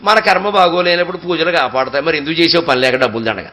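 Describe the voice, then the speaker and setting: A man giving a devotional discourse, telling stories expressively and chanting verses slowly and at length. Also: fairly high pitch. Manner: expressive storytelling, slow drawn-out verse recitation. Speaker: spiritual discourse speaker.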